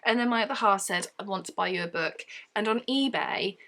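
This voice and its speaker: A woman's voice: mid-range voice, fairly quick, fairly bright tone. A woman, chatting casually about her books on a vlog, rambling and correcting herself as she goes. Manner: chatty, rambling, self-correcting, laughs often. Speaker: book vlogger.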